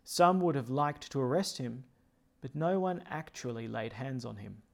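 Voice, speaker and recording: A man's voice: mid-range voice, lively intonation, normal speed, creaky. Man reading scripture solemnly at Mass. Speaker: priest celebrating Mass. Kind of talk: liturgical scripture reading and homily.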